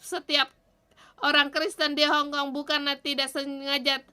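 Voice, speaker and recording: A woman's voice: high voice, flat delivery, measured pace, sharp tone. A woman giving a morning devotion and leading an earnest, pleading prayer in short phrases. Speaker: devotion speaker.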